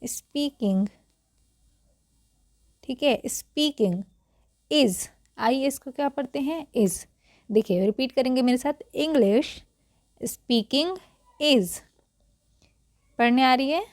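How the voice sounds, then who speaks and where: A woman's voice: high voice, moderate pace, a little mellow, dry recording, clean studio sound. Patient woman teaching English reading. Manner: patient, repeats each word and quizzes the viewer. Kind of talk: Hindi-language English reading lesson.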